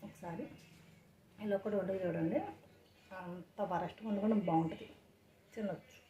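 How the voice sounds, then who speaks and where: A woman's voice: lowish voice, fairly even intonation, moderate pace, dark tone, lo-fi sound, a little hiss or hum. A woman chatting through a cooking demonstration in her home kitchen, explaining each step to viewers. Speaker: cooking vlogger. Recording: frying sizzle behind the voice. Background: frying and stirring sounds.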